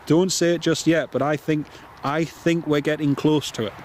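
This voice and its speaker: A man with a Northumbrian accent close to Geordie, chatting casually and warmly to viewers as a live planespotting streamer, often repeating his phrases. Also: fairly high pitch, steady tone, moderate pace, slight background noise. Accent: Northumbrian, near Geordie. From North East England. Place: outdoors by an airport runway.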